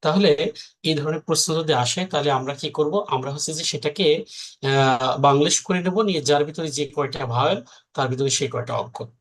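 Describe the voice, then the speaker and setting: A man with a fairly high voice talks fast while teaching a recorded exam-prep lesson. His style is conversational as he explains things step by step and often checks that listeners are following.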